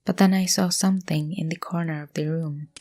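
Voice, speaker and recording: A woman narrating a scary story in a hushed voice, often dropping to a whisper. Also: sits low, steady tone, brisk. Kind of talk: scripted horror story narration.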